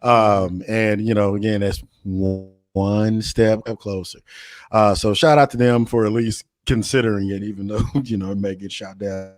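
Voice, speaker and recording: A man's voice: fairly low pitch, fairly even intonation, moderate pace, no echo. A man with an American accent hosting a casual discussion, rambling and repeating phrases as he frames questions. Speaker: podcast host.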